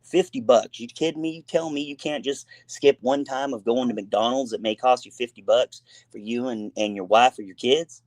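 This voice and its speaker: A man's voice: mid-range voice, normal speed, hardly any pauses, darkish tone, no echo. A man with a son, hosting a casual gaming talk show, talking in long, rambling, emphatic runs full of fillers and restarts. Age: adult with a son.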